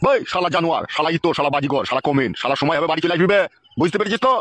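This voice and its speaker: A man voicing an exasperated middle-aged father who shouts, swears and rants. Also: fairly high pitch, animated, over loud music, close to an everyday voice. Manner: shouting, swearing, rapid ranting.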